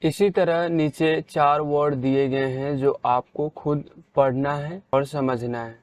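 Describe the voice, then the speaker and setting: A male teacher talks through pronunciation rules at a very slow, careful pace, with a slightly high voice. He gives each example word loud, clear stress. The sound is smooth and dry, close to the mic. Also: fairly even intonation, no echo. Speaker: English reading teacher. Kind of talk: slow spelled-out pronunciation lesson.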